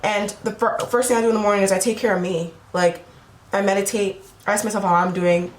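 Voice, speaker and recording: A tarot reader gives her viewers a casual, rambling reading while losing her voice, constantly adding "right?" and "you know?" Her mid-range voice moves at a quick pace with fairly even intonation, in an echoey room with faint ambience.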